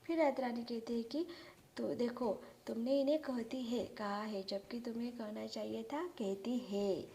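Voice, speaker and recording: A woman's voice: on the high side, steady tone, moderate pace, gravelly, mellow, slight background noise. A woman teacher who retells a story for her pupils and stops often to explain words and idioms.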